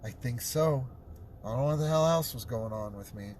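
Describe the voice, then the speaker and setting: A man hosting a call-in show while driving, reading viewer comments out loud and chatting casually, often stumbling and repeating words. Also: mid-range voice, normal speed, slight background noise. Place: inside a car, driving.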